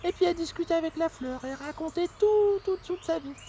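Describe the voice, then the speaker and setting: Playing a cheerful young male squirrel, a woman narrates a children's story in a chatty style packed with fillers. She sounds very high-pitched yet dark in tone and brisk, over a little hiss or hum.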